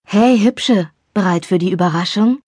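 A warm, teasing young man from a romance audiobook, voiced low and breathy by a woman narrator. He speaks quietly and intimately, the sound dry and close. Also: normal speed, dry recording, natural voice. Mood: tender, teasing.

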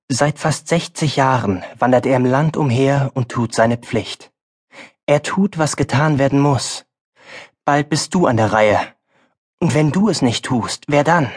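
A man's voice: mid-range voice, natural voice. A male audiobook narrator voicing a farm boy's stern, wise mother, speaking firmly and earnestly. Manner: firm, earnest, then softer.

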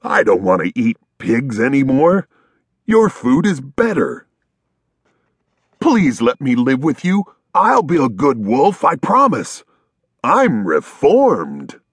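A man playing a friendly storybook wolf who stutters and begs to be taken in. His voice is husky and dry, and it swings up and down as he pleads. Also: mid-range voice, huge pitch swings, slow pace, dry recording, voice pushed up, full character voice. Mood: pleading.

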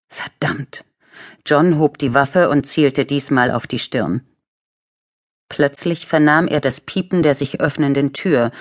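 A woman narrating a thriller audiobook in measured, tense storytelling. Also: rumbling low. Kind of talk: scripted narration.

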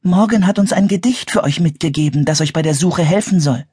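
A man's voice: a little high, a little fast, darkish tone, husky, no echo, studio quality, pitched above the performer's own voice. A man doing a friendly young sorceress.

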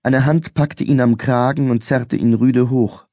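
A man reading a thriller audiobook in a measured, clear storytelling manner. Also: mid-range voice, fairly even intonation, warm tone, dry recording, clean studio sound. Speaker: audiobook narrator. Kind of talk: scripted audiobook narration. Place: recording studio. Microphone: close studio mic.

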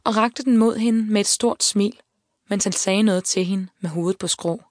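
A woman reading an audiobook, with calm, measured storytelling. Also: mid-range voice, dry recording. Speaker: audiobook narrator. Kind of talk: scripted narration. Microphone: close studio mic. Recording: dry studio reading.

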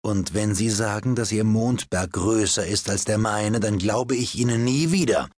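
A man's voice: on the low side, moderate pace, darkish tone, no echo, clean studio sound, lightly acted. A man voicing a witty, chattering society hostess in an audiobook. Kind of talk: audiobook character voice.

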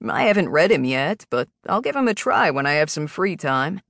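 A woman narrator voicing a cocky young male wolf-shifter alpha who teases with dry, lazy calm. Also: low-pitched, moderate pace, gravelly, no echo, exaggerated voice. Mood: dry teasing. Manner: dry, lazy, teasing delivery.

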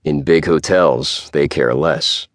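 A man's voice: a bass voice, slow, dry recording, studio quality. A man voicing a curt, cold young businessman who speaks in clipped, commanding lines. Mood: dry.

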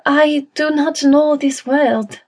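A woman voicing a polite young maid with a French accent and formal, halting English. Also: sits high, fairly even intonation, darkish tone, pitched above the performer's own voice. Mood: polite, hesitant.

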